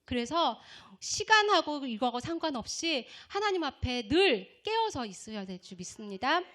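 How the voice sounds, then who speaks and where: A woman's voice: sing-song, normal speed. A woman missionary preaching a revival sermon, emphatic, asking the congregation questions and answering them herself. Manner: acts out shouting voices in a high pitch.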